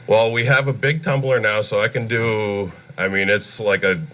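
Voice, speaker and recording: A cheerful man talks as a guest on a radio show, easy and chatty with a ready laugh. His voice sits on the low side and rings bright and forceful. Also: fairly even intonation, moderate pace. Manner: upbeat, chatty, laughs easily. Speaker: radio guest, popcorn shop owner. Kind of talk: casual radio interview.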